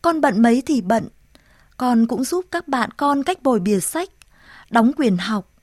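A woman's voice: on the high side, expressive, unhurried, darkish tone, no room sound, studio quality. A woman reading aloud and voicing an earnest young boy who cares for his sick mother, in a raised, eager tone.

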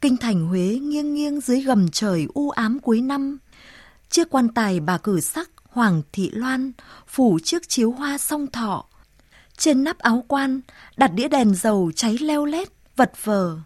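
A woman narrates a story in a measured, solemn way. Her voice sits a little high, recorded close in a dry, dead room. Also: animated, darkish tone, no room sound. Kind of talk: audiobook narration.

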